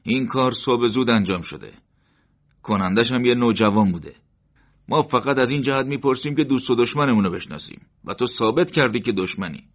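A man's voice: on the low side, a bit bright, pitched above the performer's own voice. A man voicing a menacing male secret-police interrogator who threatens and sneers, in an audiobook. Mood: sneering. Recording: dull lo-fi recording.

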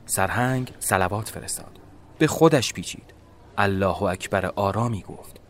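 A man narrating a first-person story in a measured, dramatic storytelling manner. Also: on the low side, expressive.

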